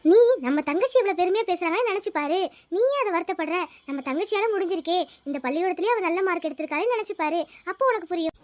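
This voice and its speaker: Woman voicing Isai, a fast-talking village schoolgirl. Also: very high voice, animated, dry recording. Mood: reassuring. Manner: coaxing, lecturing, reassuring. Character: caring, talkative village schoolgirl friend. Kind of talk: cartoon voice acting.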